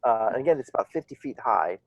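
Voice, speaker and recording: Rambling man game master, lively pitch. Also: fast, no room sound, dull audio. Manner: rambling, hesitant, many fillers. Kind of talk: narrating a tabletop game.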